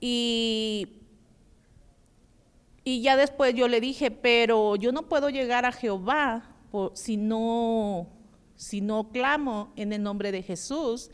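A woman with a clear, fairly high voice tells earnestly about a conversation she had. Her voice carries a long reverb from a large church hall. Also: slow pace. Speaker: class member asking a question. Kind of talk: recounting a conversation in class.

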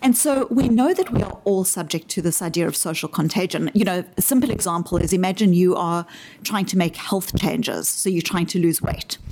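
A woman with a South African accent, answering interview questions in a measured, articulate way and using everyday examples to make her points. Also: fairly low pitch, darkish tone. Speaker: interview guest explaining her framework.

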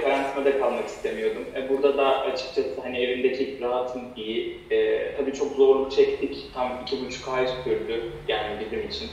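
A young man in his twenties, a guest calling in to an interview, relaxed with hesitant fillers. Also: mid-range voice. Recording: distant dull echoey call audio.

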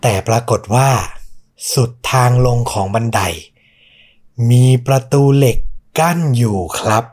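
A man's voice: medium pitch, measured pace, a little mellow. A man hosting a podcast, telling a true ghost story in a suspenseful, conversational way. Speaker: podcast host.

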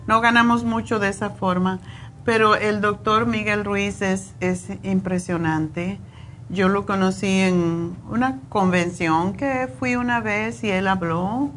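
A woman's voice: medium pitch, steady tone, measured pace, fairly bright tone, slight background noise. Agreeable woman radio host. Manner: agreeable, affirming interjections. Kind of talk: radio health talk.

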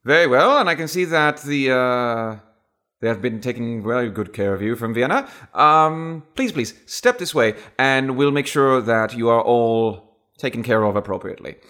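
A man's voice: mid-range voice, animated, moderate pace, a bit bright, natural voice. A man voicing a posh, formal British diplomat with a put-on upper-class British accent, clipped and courteous.

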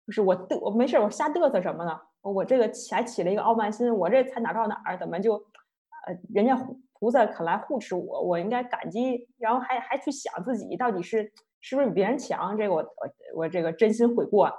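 A woman's voice: medium pitch, lively intonation, fast talker, mellow, natural voice. A woman storyteller voicing a young monk who keeps repeating himself as he stumbles over his words. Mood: regretful. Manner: stammering repetitions. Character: remorseful young monk, earnest and boastful.

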